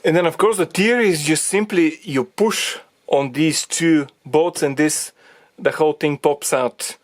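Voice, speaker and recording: Man talking through a car repair. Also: a little high. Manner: thinks aloud while working, halting phrasing. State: out of breath from effort. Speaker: DIY car repair presenter. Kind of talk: hands-on repair tutorial.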